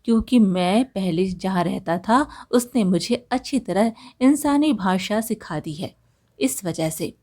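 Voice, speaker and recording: A woman's voice: medium pitch, animated, a little slow, warm tone. A woman voicing a cheeky, chatty male parrot with a teasing manner.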